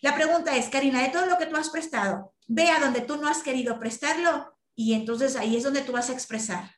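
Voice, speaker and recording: A woman's voice: high-pitched, fairly quick, reverberant. A woman leading a group talk, emphatic and acting out quoted lines. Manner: emphatic, acts out quoted speech. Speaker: workshop leader. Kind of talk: group talk over video call.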